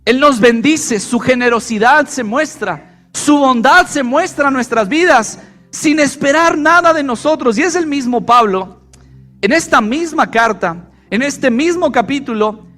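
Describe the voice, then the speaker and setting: Man, pastor, very high voice, sermon, faint music behind. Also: unhurried, fairly bright tone. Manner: asks the congregation questions and repeats key phrases. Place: church.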